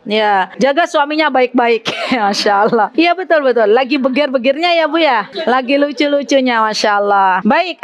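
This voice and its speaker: A middle-aged woman with a Javanese accent, giving an animated, teasing sermon to women and mixing in Javanese words. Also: high-pitched. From Central Java. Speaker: Islamic preacher.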